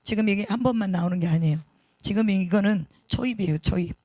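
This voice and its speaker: High-voiced emphatic preacher man. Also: fast talker, darkish tone, no echo, studio quality. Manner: emphatic, asks the congregation rhetorical questions; repeats key words for stress. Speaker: pastor. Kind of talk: sermon.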